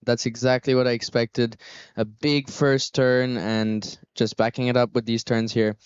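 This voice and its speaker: Male sports commentator, clear smooth voice, surf contest, dry slightly lo-fi audio. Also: mid-range voice, level tone, a little slow, dry recording.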